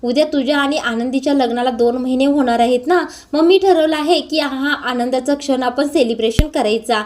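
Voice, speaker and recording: A woman's voice: high-pitched, normal speed, a little mellow, natural voice. A woman voicing a scheming older sister who taunts her brother in a mock-sweet way. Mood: sly, taunting.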